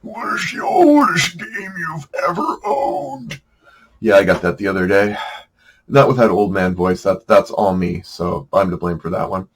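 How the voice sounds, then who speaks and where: Middle-aged guy hosting a board game show, kinda low voice, chatty and joking, lots of uhs. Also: rough recording. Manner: chatty, wry, self-deprecating, with frequent fillers and restarts. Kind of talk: casual solo talk about board games.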